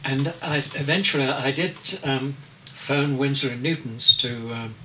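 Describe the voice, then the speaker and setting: An elderly artist in his eighties gives reflective interview answers, pausing often and choosing each word with care. His voice is bright, and he sits back from the microphone. A faint hiss runs underneath. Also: medium pitch. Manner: slow, deliberate, searching for words. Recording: distant mic with faint noise.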